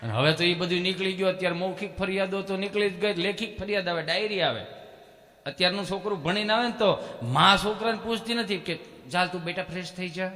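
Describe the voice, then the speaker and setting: High bright Kathiyawadi man on stage. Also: a little fast. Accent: Kathiyawadi Gujarati. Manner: animated, bursts into loud calls. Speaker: stage comedian. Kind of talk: live folk humor storytelling. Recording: long hall reverb.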